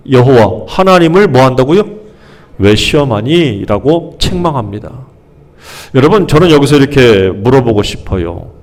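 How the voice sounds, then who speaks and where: A man preaching a sermon as pastor, who asks the congregation questions and answers them himself, and briefly acts out the grumbling people. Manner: acts out the grumbling crowd with sudden pitch jumps. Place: church sanctuary.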